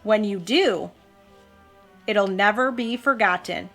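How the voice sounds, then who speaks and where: A mother hosts a children's storytime, reading aloud expressively to her child and chatting with questions for young listeners. Her medium-pitched voice moves slowly with a fairly bright tone, over soft background music.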